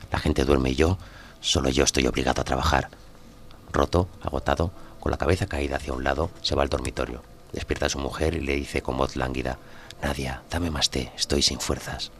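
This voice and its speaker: A man reading a story aloud, expressively voicing the characters' lines. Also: extremely low pitch. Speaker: narrator.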